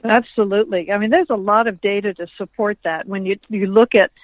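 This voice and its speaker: A woman guest on a radio interview, explaining her ideas in a measured way. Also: medium pitch, steady tone, dry recording. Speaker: guest author. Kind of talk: interview answers. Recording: tinny phone line.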